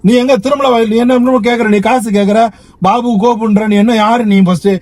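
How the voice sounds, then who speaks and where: A man's voice: very high voice, steady tone, brisk, darkish tone, no room sound. A man caught in a car prank, exasperated and pleading to be let out. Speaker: taxi passenger and prank target. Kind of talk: unscripted argument. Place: inside a car.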